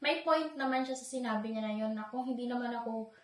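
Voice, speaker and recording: A woman from the Philippines tells her viewers a personal story in a chatty, confiding vlog manner, often turning to address them directly. Her voice sits a little high. The recording is roomy and echoey, with her set back some distance from the mic. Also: fast talker. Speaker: vlogger.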